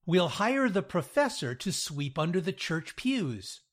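A man reads the part of a crafty old leader of a church group, drawling his plans slowly. The voice sits high and swings widely. It comes across as a storybook figure. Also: big pitch swings, full character voice. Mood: scheming.

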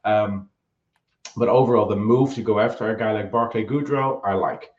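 A man's voice: fairly low pitch, moderate pace. A man giving his opinions in a casual podcast chat, often hesitating with ums and restarting his sentences. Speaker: guest analyst. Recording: echoey, dull lo-fi remote audio.

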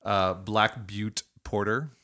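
A man's voice: fairly low pitch, steady tone, takes it slowly, bright, forceful tone. A man hosting a casual podcast from his dining room, chatty and laughing often between filler words. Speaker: podcast host. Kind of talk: casual chat.

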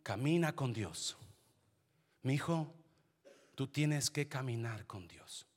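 Animated bilingual male pastor preaching. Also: fairly high pitch. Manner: animated preaching, switching between Spanish and English. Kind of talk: sermon.

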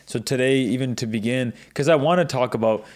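A man hosts a casual podcast interview in a mid-range voice. He is friendly and curious, and he comes back quickly with follow-up questions. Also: medium pitch, a little mellow. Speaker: podcast host.

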